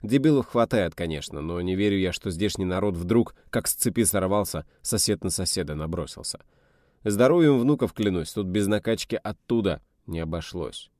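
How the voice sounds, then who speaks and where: A man voicing a stern, gruff navy captain in his sixties who talks in a commanding, bitter way. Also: low voice, lively intonation, moderate pace, darkish tone, no echo, studio quality. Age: 60s.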